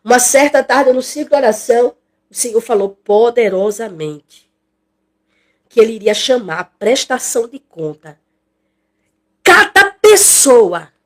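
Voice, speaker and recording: Her voice a little high, a woman leads an expository Bible study in a conversational style, acting out people's words and returning to phrases repeatedly.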